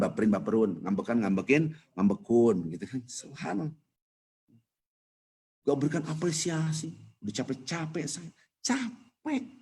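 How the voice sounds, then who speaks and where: A man delivers a relaxed morning lecture in a mosque, his voice low-pitched and slightly husky. He talks casually, teasing his listeners, then suddenly rises and gets louder to stress a point. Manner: lively, conversational, jokes and sudden loud emphasis. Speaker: preacher.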